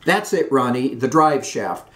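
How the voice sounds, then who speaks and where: A man voicing a chatty older Southern aunt who talks nonstop, in a high, breathless run-on way. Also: animated, unhurried, a bit bright. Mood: fussy chatter. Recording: roomy echoey room.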